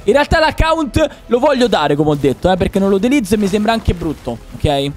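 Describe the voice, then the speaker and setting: A young man with a sore throat, teasing a friend in excitable gaming commentary. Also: high voice, fairly quick, music in the background. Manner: teasing, excitable, shouts at gameplay. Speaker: streamer host.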